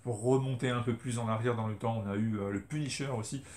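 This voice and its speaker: A man's voice: mid-range voice, fairly even intonation, fast, a little mellow. A middle-aged man from France, casually reviewing comics as a video host, chatty with many fillers and self-corrections. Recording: roomy echo, faint ambient noise.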